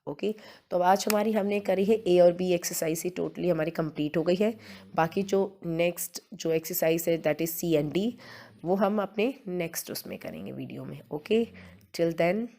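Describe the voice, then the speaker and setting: A woman school teacher giving a spelling lesson to young children, spelling words slowly letter by letter with a Hindi accent, often checking "theek hai na" and calling pupils beta. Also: fairly low pitch, warm tone. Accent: Hindi-accented English.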